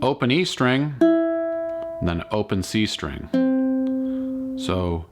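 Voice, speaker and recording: Slow, patient man teaching ukulele. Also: on the low side, sing-song, loud music behind the voice. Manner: slow, patient instructions between sung demo lines. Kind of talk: step-by-step music tutorial.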